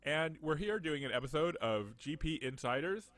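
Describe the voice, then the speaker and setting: Man, host, bright tense voice, animated and joking, video call. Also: fairly high pitch, normal speed. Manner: animated, jokey, does mock voices. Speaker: podcast host. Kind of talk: casual video-call chat.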